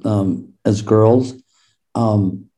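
A middle-aged American man, an author and law professor, answering interview questions with self-deprecating stories and lively quoted dialogue. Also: on the low side, extremely slow, low-quality recording. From United States.

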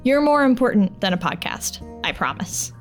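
A woman who hosts a podcast and produces audio dramas talks casually over plucked guitar music. Her fairly high voice swings widely in pitch at a moderate pace, and her manner is chatty, informal and reassuring.

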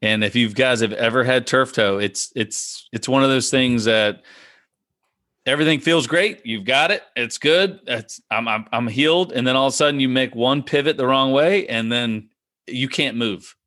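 A man's voice: mid-range voice, moderate pace, fairly bright tone, dry recording, studio quality. A man in casual sports talk among friends, repeating his predictions emphatically with many restarts. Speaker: podcast co-host.

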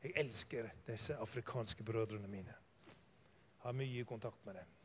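An older man preaching a sermon, telling stories and swinging from quiet asides to loud, fervent emphasis. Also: fairly low pitch, slight background noise.

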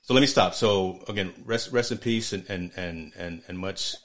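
A man co-hosting a casual sports podcast, talking in a thoughtful, measured way and often restarting his phrases. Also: low voice, fairly bright tone. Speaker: podcast co-host.

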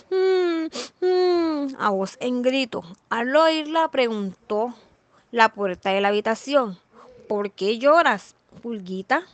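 A woman with a slightly high voice reads a children's fairy tale aloud. She is expressive and lands the repeated lines with a steady, rhythmic cadence, as a storyteller for young listeners. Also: no room sound.

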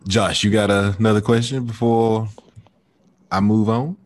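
A man's voice: on the low side, steady tone, unhurried, darkish tone, a little hiss or hum. A man hosting a casual chat who agrees with the guest and moves the talk along. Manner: agreeable, steers the conversation. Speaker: host.

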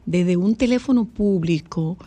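A woman's voice: fairly low pitch, a little slow, dark tone. A woman, hosting a casual interview with chatty, encouraging questions and frequent backchannels. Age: 60s. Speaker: host and therapist.

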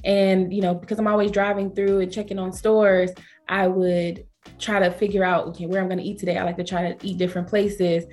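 At normal speed, a Georgia-born travel company founder recounts travel stories in an easygoing interview, her Southern accent clear. She animates quoted lines with pitch jumps, while gentle music plays faintly behind her.

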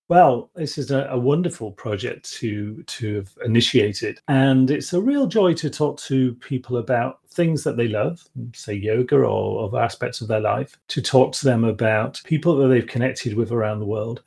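A man hosting a podcast, introducing the show and guest in a gentle, friendly way with some restarts. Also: mid-range voice, gravelly, husky. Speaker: podcast host.

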